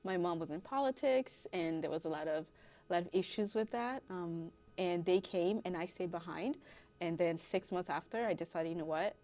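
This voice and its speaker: A woman in her thirties from Haiti tells her story as a guest on a talk show, laughing often as she goes. Her voice sits a little low for a woman, and her telling is lively. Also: moderate pace. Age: 30s. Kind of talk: casual interview.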